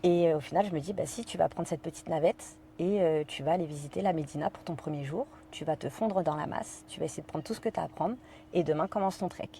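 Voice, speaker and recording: This podcast guest from France talks fast in a low, mellow voice while telling a personal story, with slight background noise. Hesitations, fillers and her own quoted thoughts come up often.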